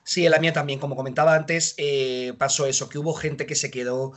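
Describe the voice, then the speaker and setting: A man in his thirties telling lively, self-mocking anecdotes in a casual interview. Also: fairly high pitch, a little fast. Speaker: judge.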